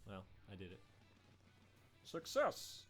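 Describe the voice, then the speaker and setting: A man's voice: fairly low pitch, huge pitch swings, slow pace. A man chatting casually as he hosts a gaming stream and reads viewer comments. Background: game music.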